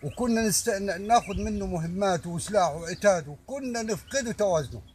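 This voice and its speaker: Older Egyptian man, fairly high-pitched, emphatic. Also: animated, a little fast, a little mellow, slight background noise. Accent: Egyptian Arabic. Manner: emphatic, repetitive, stumbling over words. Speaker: army veteran giving his opinion. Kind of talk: impromptu monologue addressed to the public.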